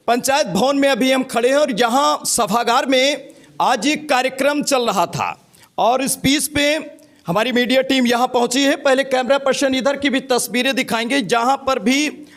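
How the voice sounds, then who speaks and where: A man's voice: extremely high pitch, fairly bright tone. A man reporting local news on location from a village panchayat hall, addressing viewers emphatically.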